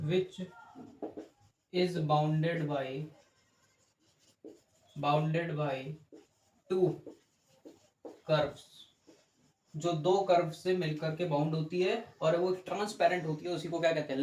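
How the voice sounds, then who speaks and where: A man's voice: fairly high pitch, steady tone, very slow, long pauses, darkish tone. Male teacher in echoey room. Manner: explains step by step, asks rhetorical checks, corrects himself. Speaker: physics teacher. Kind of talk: classroom lecture with board drawing. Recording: echoey room with faint ambient noise.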